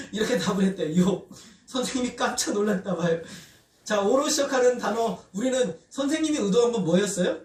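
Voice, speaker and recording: High-voiced preaching man in echoey hall. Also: fast. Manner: animated preaching that poses questions to the congregation and leads call-and-response. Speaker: pastor. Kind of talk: sermon. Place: church sanctuary. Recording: roomy church hall, voice from a distance.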